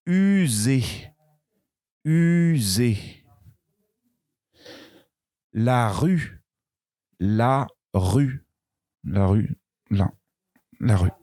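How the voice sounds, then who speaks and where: Very slow, deliberate teacher man. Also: mid-range voice, warm tone, no echo, clean studio sound. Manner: very slow, careful, repeating words and drawing out vowels. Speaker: French teacher. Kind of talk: slow beginner pronunciation lesson.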